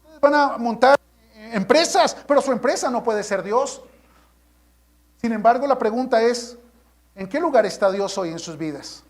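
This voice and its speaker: A man's voice: very high voice, expressive, normal speed, long pauses. A man preaching a sermon as pastor, emphatic and full of rhetorical questions, sometimes acting out the voices of his congregation.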